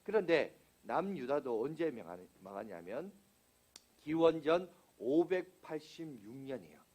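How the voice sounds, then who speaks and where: Animated Korean pastor preaching a sermon. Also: male voice, medium pitch. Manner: animated preaching, rhetorical questions, acts out prayers in quotes. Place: church sanctuary.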